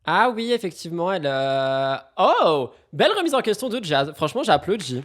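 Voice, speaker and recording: A young man hosts a casual commentary show, reacting to reality TV clips in a chatty, animated way and leaning on fillers. His voice sits a little high for a man. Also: normal speed, noisy background. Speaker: host.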